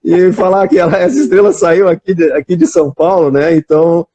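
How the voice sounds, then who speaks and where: A man's voice: sits high, brisk, warm tone. A man with a Brazilian accent chatting on a live video call, rambling and tossing in frequent "né?" as he tells stories. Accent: Brazilian Portuguese. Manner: rambling storyteller, many restarts and "né?". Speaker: guest. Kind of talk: casual chat on a live stream.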